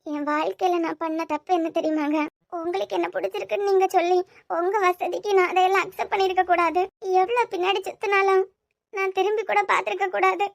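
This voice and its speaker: A woman's voice: extremely high pitch, level tone, fast talker, creaky, no room sound, clean studio sound. A woman voicing a young wife in a cartoon series, crying and accusing her husband. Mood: distraught. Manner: crying, pleading, reproachful. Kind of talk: cartoon web series voice acting.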